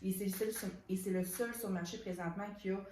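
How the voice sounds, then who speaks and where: A woman's voice: medium pitch, steady tone, quick pace, mellow, slight background noise. A woman with a Québécois accent chatting casually as she presents products, with lots of fillers and restarts. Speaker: soap shop owner presenting products. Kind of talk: casual product unboxing chat. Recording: echoey room.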